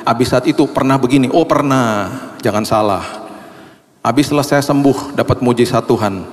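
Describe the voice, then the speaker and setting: A middle-aged man preaches a sermon at a mid-range pitch. He speaks with passion, and his voice jumps high and grows loud when he stresses a point. His words ring out with the long reverb of a church hall. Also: normal speed. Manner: impassioned, rising high and loud in emphasis. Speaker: pastor.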